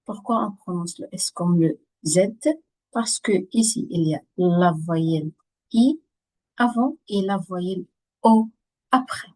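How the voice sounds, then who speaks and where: A woman teaching French pronunciation in a slow, deliberate way, saying each example word twice. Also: on the low side, warm tone, low-quality recording.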